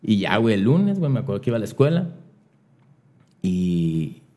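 A man's voice: fairly low pitch, moderate pace. Slangy young Mexican man telling stories. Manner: slangy, animated, acts out voices in his anecdotes. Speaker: guest, radio announcer and songwriter. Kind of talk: casual storytelling chat.

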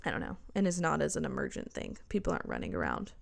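A young woman hosts a podcast and tells a story in an animated, conversational way. Her voice sits a little low, and she acts out other people's lines as she goes. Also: quick pace, creaky. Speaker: podcast co-host. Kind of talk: casual chat.

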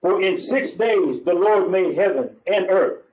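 A man reading scripture aloud in a steady, formal way during a street sermon. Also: sits high, a little slow, reverberant, low-quality recording. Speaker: scripture reader.

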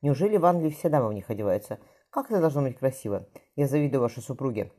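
A reader voicing a plump, pregnant merchant's wife who gushes dreamily about fine fabrics. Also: female voice, very deep voice, expressive, fast talker, mellow, breathy edge, full character voice. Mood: dreamy. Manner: gushing, dreamy.

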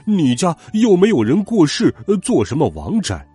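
A man's voice: fairly high pitch, wildly swooping pitch, moderate pace, warm tone, husky, no room sound, faint music behind, voice pushed up, heavily acted. A man putting on a grunting greedy pig-man. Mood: pleading. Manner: grunts "uh" between words.

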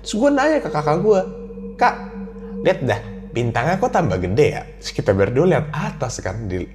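Pria bercerita horor dengan logat Jakarta. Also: male voice, fairly low pitch. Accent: Jakarta slang. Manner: animated storytelling, acts out his own childhood voice. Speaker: guest storyteller. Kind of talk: casual podcast chat, telling a ghost story.

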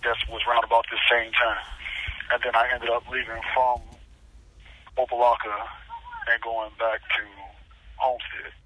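Male caller on a phone line, very bright tone, hesitant and guarded. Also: mid-range voice, monotone, normal speed, pauses often. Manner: guarded, hesitant, many ums. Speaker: guest speaking by phone from prison. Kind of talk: casual storytelling.

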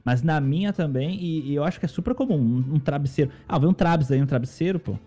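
A man's voice: fairly high pitch, expressive, quick pace, mellow. A man with a Brazilian Portuguese accent co-hosting a casual comedic chat, joking and mock-indignant. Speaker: co-host.

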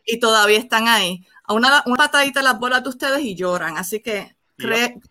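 Sassy woman cohosting a podcast, bright voice, blunt and cheeky. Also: on the high side, fairly quick, no room sound, studio quality. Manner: sassy, blunt, switches into English. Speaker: podcast co-host. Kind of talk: raunchy casual chat.

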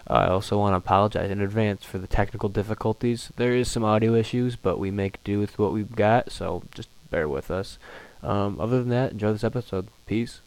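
A man's voice: fairly low pitch, fairly even intonation, brisk, rough recording. A man delivering a short laid-back intro message for his podcast episode, easygoing and apologetic. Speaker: podcast host.

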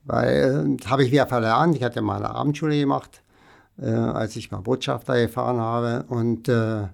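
Gravelly old man, chatty. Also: medium pitch, fairly even intonation, normal speed. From Berlin, Germany. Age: 80s. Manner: chatty, rambling with many fillers. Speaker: interview guest. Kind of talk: casual interview chat.

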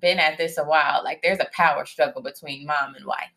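A woman's voice: low voice, fairly even intonation, a little fast, creaky, bright, forceful tone. A woman co-hosting a marriage podcast with her husband, telling stories in a chatty, easygoing way. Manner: chatty storyteller, laughs easily. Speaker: podcast co-host. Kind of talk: casual chat.

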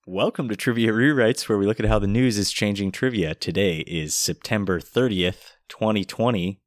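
A young man hosting a casual trivia podcast, relaxed and quick to laugh. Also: lowish voice, no room sound. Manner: laid-back, laughs a lot. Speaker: host.

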